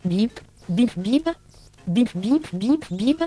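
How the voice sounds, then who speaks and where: A man's voice: sits high, expressive, takes it slowly, warm tone, slightly rough, soft background music, pitched above the performer's own voice, full character voice. A man voicing a cheerful little robot tramp who answers in beeps and short French phrases. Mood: chirpy.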